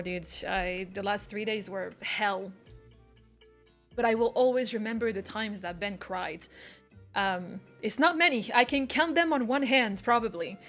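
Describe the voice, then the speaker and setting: A woman streamer chats candidly with her viewers, rambling and often restarting her sentences. Her voice sits a little high. Faint music plays behind her. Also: fairly bright tone. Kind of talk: casual chat with livestream viewers.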